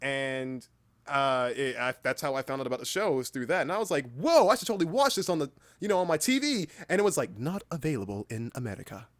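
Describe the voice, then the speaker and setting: With big pitch swings and a quick pace, this medium-pitched man in his early twenties hosts a casual livestream, telling stories playfully, exaggerating and poking fun at himself. No room sound is audible.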